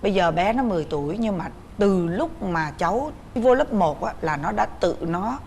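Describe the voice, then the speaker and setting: A middle-aged woman with a Southern Vietnamese accent hosts a talk show, chatting and gently coaxing her guests. Her voice sits at a middle pitch, with faint background noise under it. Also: lively intonation, moderate pace. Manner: warm, coaxing, speaking gently to a child. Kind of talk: casual chat.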